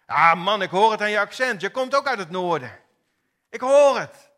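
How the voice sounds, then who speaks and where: A man voicing a pushy bystander who insists and repeats accusations loudly in a retold story. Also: sits high, animated, normal speed, pitched above the performer's own voice. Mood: accusing. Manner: insistent, repeats itself, loud.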